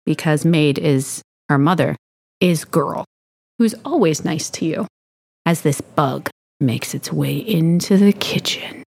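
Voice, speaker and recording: Woman game master, lowish voice, playful narration. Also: slow, gravelly, darkish tone, no room sound.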